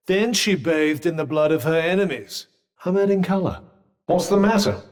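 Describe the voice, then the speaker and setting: An actor with a British accent voicing an urbane, dry-witted, sardonic magic cuff in a video game, speaking in a formal, articulate way. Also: male voice, fairly high pitch. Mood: grave, wry exposition, then dry sarcasm. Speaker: video game companion character. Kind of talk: scripted game dialogue.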